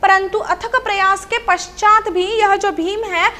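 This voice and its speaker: A woman's voice: very high-pitched, fairly even intonation, unhurried, pushed and bright. A woman teacher explaining a story to children, repeating key phrases and asking rhetorical questions.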